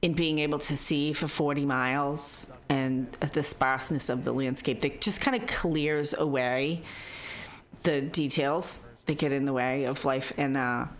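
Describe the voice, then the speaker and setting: A woman's voice: very deep voice, measured pace. A woman in her fifties with a Boston accent, talking candidly and reflectively as an interview guest, earnest and a bit blunt. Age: 50s. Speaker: interview guest, psychologist and spiritual teacher. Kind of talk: conversational, reflective interview talk.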